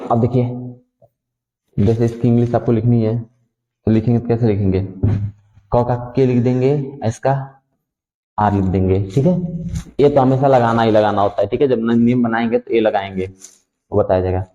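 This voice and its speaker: A man's voice: mid-range voice, steady tone, moderate pace, pauses often, warm tone. A man teaching the alphabet, patiently repeating sounds and checking that students understand. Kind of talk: Hindi alphabet lesson. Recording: echoey room, dull lo-fi sound.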